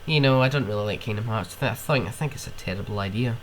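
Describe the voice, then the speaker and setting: A young man fighting a cold hosts a podcast by himself, ranting casually and rambling, with sniffs and swearing throughout. His voice is on the low side and quick, with slight background noise.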